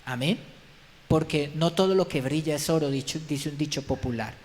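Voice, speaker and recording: A man's voice: a little high, normal speed, darkish tone. A man preaching a sermon as a pastor in a church hall, emphatic and full of rhetorical questions to his congregation. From Colombia. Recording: long hall reverb, faint background noise.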